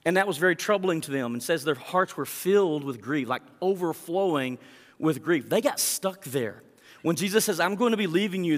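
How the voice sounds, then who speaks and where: A man preaching a sermon as pastor, animated, acting out quotes with lively inflection. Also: on the high side, in a large hall. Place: church sanctuary.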